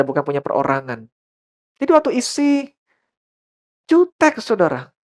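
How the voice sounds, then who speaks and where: A male pastor preaching a sermon, his voice leaping up and down in pitch as he tells a story. He keeps turning to address his listeners directly and slips English phrases into his talk. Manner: storytelling, often addressing listeners as brothers and sisters.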